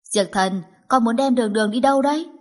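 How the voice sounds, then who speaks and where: A stern, bossy grandmother scolds her grown son in an indignant, raised voice, as a woman narrator puts her on. Her voice sits higher than the narration and carries a breathy, husky edge. It is an audiobook reading. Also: quick pace, darkish tone, natural voice. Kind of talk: audiobook dialogue.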